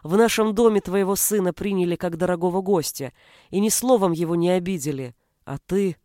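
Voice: mid-range voice, fairly quick, mellow, no echo, studio quality, natural voice. A reader voicing a proud, hurt young peasant woman who speaks indignantly and coldly, in an audiobook. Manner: indignant, cold. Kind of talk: audiobook character reading.

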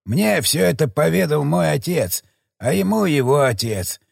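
A fearful ancient elder with a gravelly, husky voice, as a male narrator puts him on, speaking in hushed, halting bursts. The voice sits a little higher than usual and swings widely in pitch. The storybook reading is dry and close. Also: lively intonation, no echo, exaggerated voice. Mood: somber recounting. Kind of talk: audiobook character voice.

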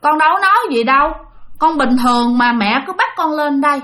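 A woman's voice: very high voice, animated, rapid-fire, fairly bright tone, voice pushed up, full character voice. A woman voicing a stubborn, dismissive middle-aged uncle who protests his innocence. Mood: protesting. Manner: protesting, defensive.

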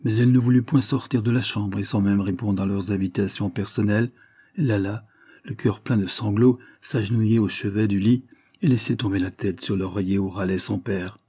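A man reading a classic novel aloud in a measured, literary narration. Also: on the low side, steady tone, dark tone, slightly rough, no room sound. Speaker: audiobook reader.

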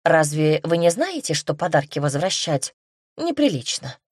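A woman reading the lines of a playful, coy young woman, a pupil who coaxes and pleads in a slightly brighter voice. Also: low-pitched, big pitch swings, normal speed, husky, dry recording, clean studio sound, exaggerated voice. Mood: coaxing. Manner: playful, coaxing, a bit brighter.

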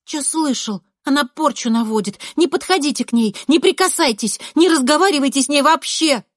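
A woman's voice: high voice, fairly quick, no room sound, clean studio sound, voice pushed up, natural voice. A woman voicing a young schoolgirl who insists and warns the others off. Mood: insistent. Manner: insistent, warning.

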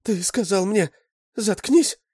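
A man voicing a frightened young girl in an audiobook, in a high, breathy voice. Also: slow pace, warm tone, no echo, clean studio sound, full character voice.

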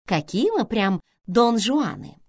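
A woman's voice: on the high side, big pitch swings, slow pace, dry recording, voice pushed up, full character voice. Brief: woman voicing an abashed, joking young man, dry close mic. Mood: sheepish. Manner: guilty, then joking.

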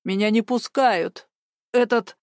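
A woman's voice: on the high side, slow, no room sound, clean studio sound. Woman voicing a pushy elderly busybody. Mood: demanding. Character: stubborn elderly woman activist, loud and bossy.

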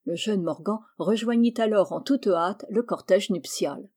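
A woman reading a fairy tale aloud as storyteller, in a measured, expressive way. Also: medium pitch, slightly rough.

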